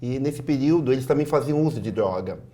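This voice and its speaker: A man from Sorocaba, a guest recounting his life in a halting interview, with many fillers and soft trailing endings. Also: mid-range voice, animated. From Sorocaba, Brazil. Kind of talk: personal testimony in an interview.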